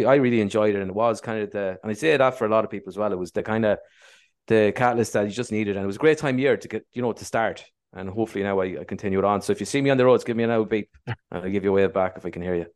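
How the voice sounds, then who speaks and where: Low-pitched Irish man, rambling casually. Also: very fast, darkish tone. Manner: rambling, self-deprecating. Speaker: podcast co-host. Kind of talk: casual chat.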